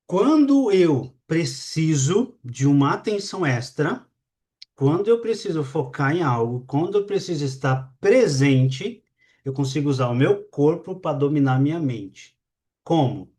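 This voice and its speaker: A man with a Brazilian accent leading a live online class, talking to his audience in a lively, demonstrative way and shifting his energy on purpose. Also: a little high, a little slow. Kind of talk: live webinar talk to an audience.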